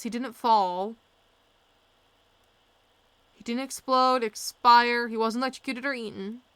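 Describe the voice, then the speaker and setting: A let's play streamer, a young woman, muses casually about her guesses while playing a mystery game. Her voice is a little high with a sharp tone, and the sound is clean, with no room sound.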